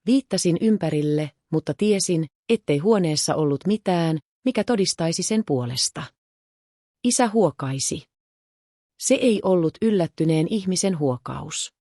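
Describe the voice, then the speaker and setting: A woman reads a first-person story as a narrator, calm and measured. Her voice sits low and mellow. The recording is close and dry, with no room sound. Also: dry recording.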